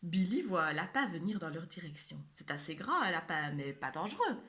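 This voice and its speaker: Lady reading a kids book out loud, super expressive, bright voice. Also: fairly low pitch, moderate pace. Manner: expressive, playful. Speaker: children's book reader. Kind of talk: read-aloud storytelling.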